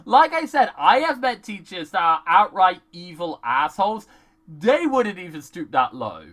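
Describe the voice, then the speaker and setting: A reviewer talks through a horror film in a casual vlog, exasperated and swearing freely, with plenty of "like" fillers. The voice is bright and lively, and the pitch swings widely as the rant builds. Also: a little slow. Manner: ranting, exasperated, swears often; many "like" fillers. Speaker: movie reviewer.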